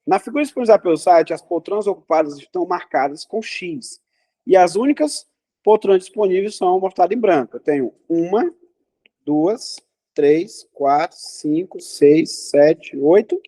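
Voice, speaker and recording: A man's voice: high-pitched, expressive, moderate pace, dark tone. A man teaching a math class in a classroom, talking students through problems and asking them questions.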